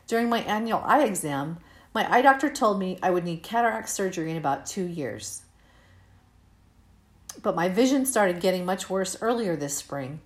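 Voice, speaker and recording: A woman in her fifties reading her own personal essay aloud in a candid, steady, measured way. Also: lowish voice. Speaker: narrator of her own story.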